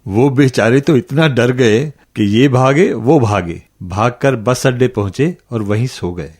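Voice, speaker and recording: An actor playing a kindly old grandfather who tells children a spooky story in a radio lesson, in a slow, dramatic manner. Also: medium pitch, a little mellow, husky.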